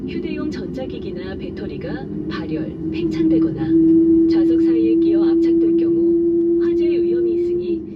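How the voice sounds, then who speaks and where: A woman cabin crew member reading a scripted safety announcement in a formal, measured way. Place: inside an airliner cabin. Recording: muffled distant PA, loud aircraft cabin noise. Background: loud engine and cabin rumble.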